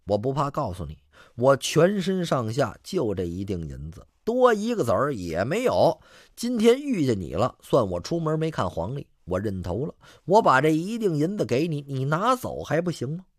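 A man's voice: mid-range voice, sing-song, normal speed, no echo, studio quality. A man voicing a poor, weak male street vendor who pleads and gives in. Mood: resigned. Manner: pleading, resigned.

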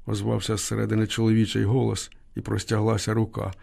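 A man narrating a literary story in a measured, expressive way. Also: fairly low pitch, vocal fry, slightly rough. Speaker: audiobook narrator.

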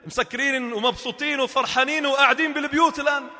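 A man with a Levantine Arabic accent giving a Friday sermon in a mosque, swinging from soft talk to shouting. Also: extremely high pitch, fairly even intonation, rapid-fire. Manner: impassioned, swings between soft talk and shouting, chants scripture verses. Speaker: Friday preacher. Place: mosque prayer hall. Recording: long reverb of a large hall.

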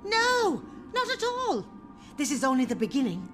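A woman's voice: sits high, wildly swooping pitch, normal speed, fairly bright tone, faint music behind, full character voice. A woman acting a bossy, dithering leader of a role-play group in a sitcom.

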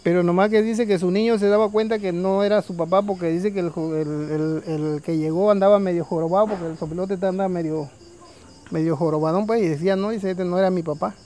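A man's voice: high voice, fairly even intonation, fairly quick, warm tone. A man telling traditional folk tales in a loose, conversational way, full of fillers. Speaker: storyteller. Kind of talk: oral folk storytelling.

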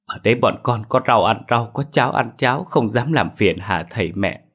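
A man's voice: medium pitch, expressive, moderate pace, fairly bright tone, husky. A man voicing a desperate young daughter who begs her father through tears. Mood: begging. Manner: begging, tearful.

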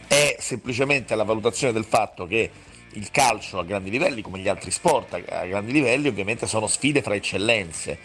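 A man's voice: lowish voice, brisk, a bit bright, faint music behind. A man talking casually as a sports journalist on radio, explaining his point and emphatically rephrasing it.

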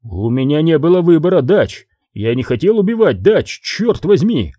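A sullen, defensive hitman, as a male audiobook reader puts him on, talking a little higher than the narration. He grumbles and pleads his excuses in a lively, uneven voice. The tone is dark and mellow, dry and close. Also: moderate pace, no room sound.

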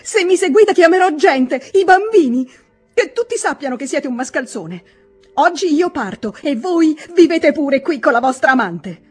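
A woman's voice: expressive, moderate pace, soft background music. A woman reading as a furious betrayed wife. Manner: shrill, furious outbursts. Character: angry betrayed wife, bitter and shouting.

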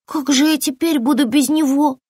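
A woman voicing a timid, eager little girl lizard in a storybook, speaking in a high squeaky voice. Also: big pitch swings, normal speed, no echo, clean studio sound. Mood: frightened.

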